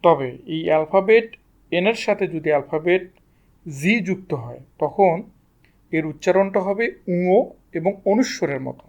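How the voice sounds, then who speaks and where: A man's voice: sits high, lively intonation, moderate pace, a little mellow. A man teaching English pronunciation to students, asking questions and answering them himself. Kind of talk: explaining lesson to students.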